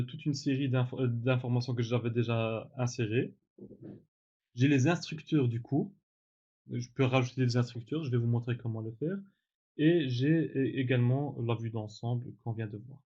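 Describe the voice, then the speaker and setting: A man teaching in a relaxed tutorial, demonstrating software step by step with frequent fillers and self-corrections. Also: medium pitch, muffled recording. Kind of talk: screen-recorded tutorial.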